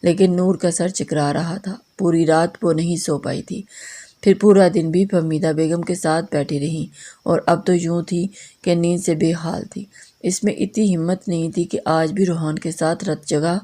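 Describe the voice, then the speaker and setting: Woman narrator, romance novel read aloud, steady pace, small slips and restarts, low pitch, warm mellow tone.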